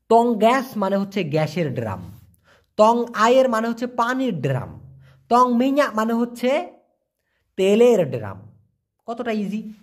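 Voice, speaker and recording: A language teacher, giving a casual lesson and asking and answering their own questions. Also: mid-range voice. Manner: asks rhetorical questions and repeats words to drill them.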